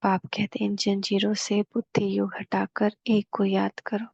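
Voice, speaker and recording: Woman spiritual teacher, husky and flat-toned, dry and slightly dull recording. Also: mid-range voice, dry recording. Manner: homely explanatory storytelling, slow emphatic repetitions. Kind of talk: devotional class explaining scripture.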